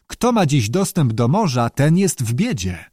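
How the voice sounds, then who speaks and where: A man's voice: medium pitch, very animated, unhurried, dark tone, no echo, clean studio sound. A male audiobook reader voicing a stubborn old father who scolds his son and later grows shaken and afraid. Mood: dismissive. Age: older. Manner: scolding, dismissive, later shaky and fearful. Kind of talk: audiobook character voice.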